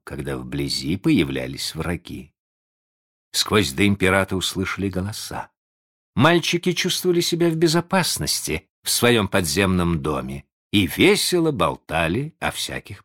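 A man narrating a storybook in an expressive, lively way. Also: sits low.

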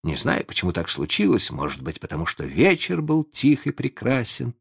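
A man narrating a storybook in an expressive, lively way. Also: mid-range voice, moderate pace, creaky, husky.

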